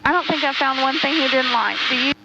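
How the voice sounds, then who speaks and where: Talkative high-pitched woman passenger, anecdotal; muffled cockpit headset audio, roaring engine. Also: quick pace. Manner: chatty, tells anecdotes at length. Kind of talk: casual chat. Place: small plane cockpit in flight. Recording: muffled intercom with loud engine noise.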